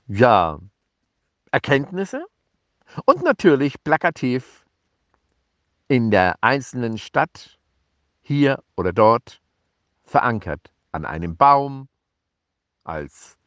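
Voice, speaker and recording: A man giving an improvised statement to press representatives, speaking in formal, bureaucratic phrases broken up by pauses and fillers. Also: mid-range voice, a bit bright, no echo. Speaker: advocate making a press statement.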